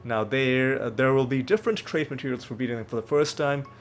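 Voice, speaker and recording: Briskly and at medium pitch, a man explains the game in a casual let's play, rambling and correcting himself. He sounds slightly nasal as he gets over a cold, and faint background music is present.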